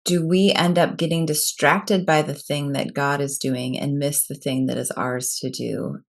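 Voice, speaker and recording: Woman, discussion participant, earnest and self-doubting, deep voice. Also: fairly even intonation, unhurried, creaky. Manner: earnest, apologetic, searching for words. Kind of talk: casual discussion of scripture.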